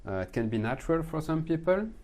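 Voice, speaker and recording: A middle-aged French man with a French accent, speaking as a podcast guest in a calm, thoughtful way, sometimes searching for words. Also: on the high side, fast talker. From France. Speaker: guest, manifestation coach. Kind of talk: podcast conversation.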